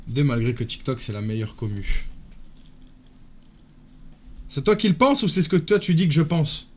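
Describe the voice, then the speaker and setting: Brief: male streamer, joking and teasing his viewers, voice a bit on the high side. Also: very animated, moderate pace. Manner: teasing, joking banter with chat. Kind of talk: casual live-stream chat.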